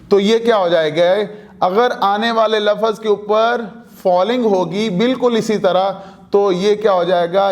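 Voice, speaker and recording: Slow, high-voiced male language teacher. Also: a little mellow. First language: Urdu. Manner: asks questions and answers them himself, repeats words slowly; mixes in English terms. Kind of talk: explaining Chinese tone rules.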